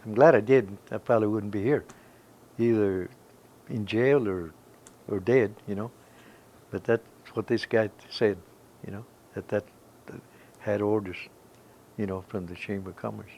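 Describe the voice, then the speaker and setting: Older male veteran, gravelly and low, rambling emphatic storyteller. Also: fairly even intonation, unhurried, long pauses, dull audio. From Kansas. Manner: rambling, emphatic storytelling with many "you know". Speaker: veteran interviewee. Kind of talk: oral history recollection.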